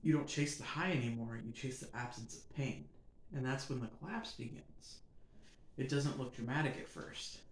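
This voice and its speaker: A man hosting a podcast, delivering a reflective scripted monologue in measured, earnest short phrases that build in emphasis. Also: mid-range voice. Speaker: podcast host. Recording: roomy echo.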